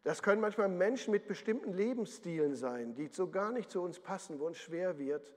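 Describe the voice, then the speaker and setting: A man's voice: high-pitched, expressive, fairly quick, a little mellow, big-room sound. A man preaching a sermon as pastor, telling the story vividly and acting out the voices he quotes.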